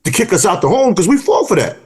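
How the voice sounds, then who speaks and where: Animated man with a lively voice. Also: sits high, fast talker. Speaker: podcast co-host. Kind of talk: casual podcast chat.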